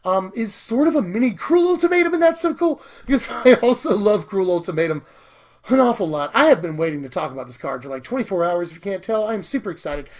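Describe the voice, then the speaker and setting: A young man who hosts a card game video talks eagerly about new cards in a fairly high voice that has gone slightly hoarse, as if he's losing it. He rambles casually and talkatively, with lots of fillers, laughs, and quick bursts of excitement.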